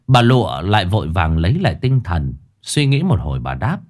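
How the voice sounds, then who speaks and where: A man's voice: deep voice, big pitch swings, fairly quick, a little mellow. A man narrating a ghost story with dramatic, scripted delivery.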